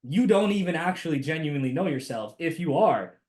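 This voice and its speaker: A man with a New Jersey accent, a podcast guest talking in a lively, casual way with many restarts. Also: a little high, brisk. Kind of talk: casual conversation.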